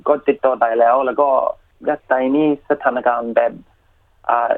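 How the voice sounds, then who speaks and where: A man with a mid-pitched voice and an English-speaking foreigner's accent gives casual interview answers. His Thai is non-native and broken, halting and polite, with simple grammar and English words dropped in. The sound is narrow, like a phone line. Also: fairly even intonation. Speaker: interview guest, YouTuber.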